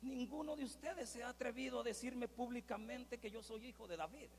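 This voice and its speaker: A man voicing a calm Jesus who speaks to his followers in a quiet, measured way. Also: very high voice, big-room sound, a little hiss or hum.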